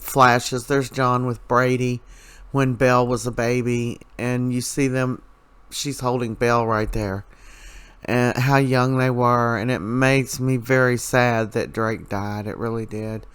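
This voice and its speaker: A middle-aged man with a smooth, clear voice at an ordinary pitch talks through a soap episode in loose, casual recap style. He is emotional and rambling and leans on plenty of fillers as he goes. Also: fairly bright tone. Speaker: soap opera recap channel host.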